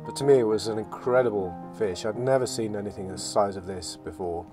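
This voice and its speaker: A man narrating his sailing vlog in a relaxed, reflective voice-over, often restarting his phrases. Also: lowish voice, brisk. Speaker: sailing vlogger. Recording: voice-over with loud music behind.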